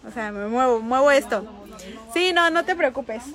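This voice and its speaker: A woman's voice: high voice, expressive, moderate pace, fairly bright tone, faint music behind. A young woman with a Mexican accent, chatting effusively with fans on a casual makeup live stream from a small table in a public place.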